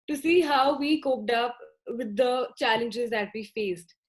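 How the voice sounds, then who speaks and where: A woman's voice: high voice, poor audio. A young woman moderating a panel in a conversational, reflective way. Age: young adult. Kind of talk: casual panel discussion.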